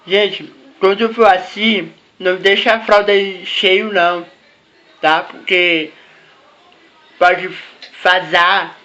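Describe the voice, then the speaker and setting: A man's voice: high-pitched, fairly even intonation, takes it slowly, pauses often, bright, forceful tone, highs cut off. A man giving parents advice in a casual vlog, repeating himself and tagging his phrases with little questions. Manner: repetitive, ends phrases with "né?" and "tá?". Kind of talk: casual talk to camera.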